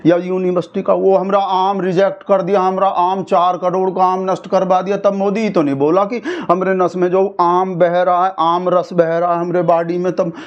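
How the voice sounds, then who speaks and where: A man's voice: moderate pace, hardly any pauses, lo-fi sound, close to an everyday voice. A man doing a rambling rustic village man. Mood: ranting. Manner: rambling, swings between high excited and low mumbled asides. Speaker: comedian playing a satirical character. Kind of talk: comic satirical monologue.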